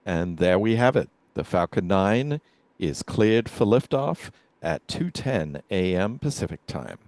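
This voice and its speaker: A man giving measured, explanatory live commentary on a launch as a webcast commentator. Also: on the low side, very animated, darkish tone, dry recording.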